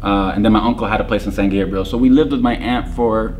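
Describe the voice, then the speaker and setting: A man's voice: lowish voice, steady tone, quick pace, a little mellow, a little hiss or hum. A man in his thirties, born in Lebanon, guest on a podcast, telling stories in a joking, laughing way. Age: 30s. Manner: jokey, storytelling, laughs often. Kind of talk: casual interview chat.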